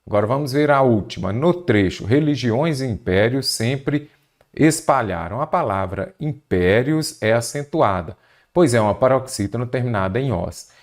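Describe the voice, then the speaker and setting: A man's voice: medium pitch, animated, moderate pace. Man, grammar teacher, exam-prep lesson, patient, asks and answers own questions. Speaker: Portuguese teacher.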